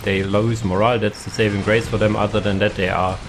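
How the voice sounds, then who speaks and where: A man's voice: on the low side, little pitch movement, brisk. A young man giving casual, hesitant commentary on a strategy game match, with many fillers and restarts. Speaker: caster.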